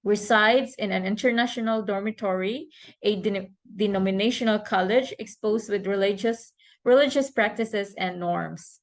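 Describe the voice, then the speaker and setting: A woman presenting a case study to a class as the child's mother, reading points and at times imitating a toddler's speech. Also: moderate pace. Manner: reads bullet points, then imitates a toddler's words in a high sing-song voice.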